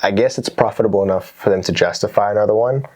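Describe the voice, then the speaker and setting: A young man talking casually about movies with a friend, relaxed and peppered with "like" and "dude". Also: on the low side, quick pace. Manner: laid-back, says "like" and "dude" a lot. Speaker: channel host.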